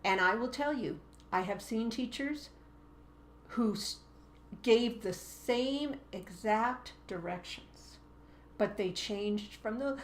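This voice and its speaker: A woman who is a teacher co-hosting a casual chat, speaking in a measured, emphatic way and acting out classroom voices. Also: fairly high pitch. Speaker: teacher and co-host. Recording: roomy echo.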